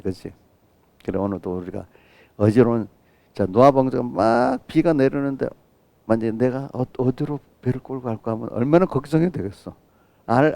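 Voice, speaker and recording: A man's voice: mid-range voice, creaky, warm tone, no room sound. A middle-aged man preaching an early-morning sermon as pastor, talking with the congregation and often asking "right?". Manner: acts out quoted voices of children and God in his own voice.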